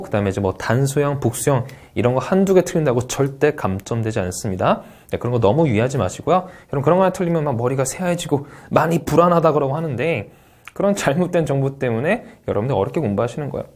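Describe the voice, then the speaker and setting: A man teaching a test-prep lecture, calm and encouraging, who repeats English words aloud to drill pronunciation. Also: mid-range voice. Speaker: TOEIC Speaking instructor. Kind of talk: video lecture.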